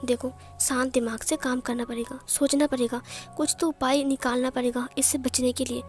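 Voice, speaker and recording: A bossy, worried mother who keeps scolding and hushing, as a woman puts her on. Her voice runs fairly high, with faint background music. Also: little pitch movement, normal speed, natural voice.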